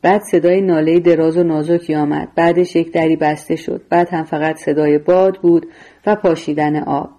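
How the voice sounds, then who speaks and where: A woman narrating a novel in a steady, measured reading voice. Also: sits low. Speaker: audiobook narrator. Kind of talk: scripted storytelling narration.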